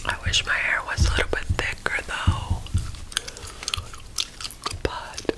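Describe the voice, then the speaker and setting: Slow, whispering ASMR woman. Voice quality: soft whisper. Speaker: ASMR creator. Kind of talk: whispered ASMR, casual personal chat. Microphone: handheld mic.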